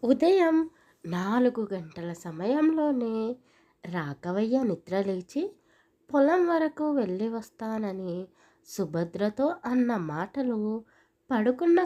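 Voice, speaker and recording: A woman narrating an audio story in a calm, steady storytelling manner. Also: fairly high pitch, slow pace, dull audio.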